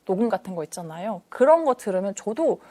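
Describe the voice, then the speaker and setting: A woman working as a divorce lawyer, telling case stories on a talk panel in an animated way and acting out the voices of the people in them. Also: medium pitch, fast talker. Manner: animated, acts out quoted voices.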